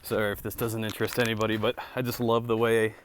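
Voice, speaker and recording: A man's voice: lowish voice, level tone, quick pace. Man rambling casually, with noise behind him. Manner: informal, reflective, thinks aloud. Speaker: vlogger and boot reviewer. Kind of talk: casual rambling vlog talk. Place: outdoors on a mountain hiking trail.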